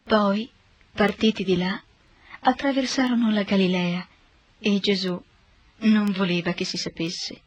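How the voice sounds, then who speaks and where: A woman narrating a scripted Bible reading in a steady, measured way. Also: mid-range voice.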